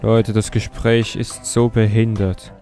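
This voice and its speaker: Young male YouTuber, low voice, slow delivery, sarcastic and mocking. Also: little pitch movement, mellow, soft background music. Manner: mocking, sarcastic, laughs often. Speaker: YouTuber host. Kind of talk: comedic commentary on a chat.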